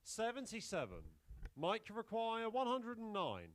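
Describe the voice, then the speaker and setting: A man's voice: high-pitched, huge pitch swings, unhurried, a little hiss or hum. A man working as a darts score caller, announcing scores and legs in short, formal calls.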